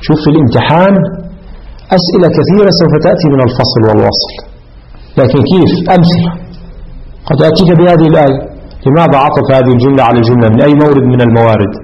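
A male teacher giving a classroom lecture, explaining deliberately and quizzing his students. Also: medium pitch, dull audio.

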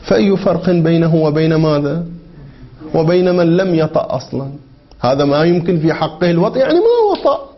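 A man with a somewhat raised voice gives a seminary lecture on a legal text. He reads quoted passages slowly, then explains them through leading questions that he answers himself. The recording is dull and lo-fi. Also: fairly high pitch, sing-song. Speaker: religious jurisprudence teacher.

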